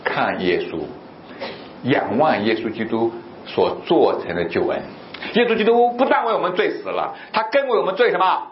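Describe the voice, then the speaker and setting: High lively preacher guy, echoey dull recording, lots of questions. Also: moderate pace. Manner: animated, rhetorical questions, storytelling. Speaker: pastor. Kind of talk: sermon. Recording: echoey, slightly dull recording with faint noise.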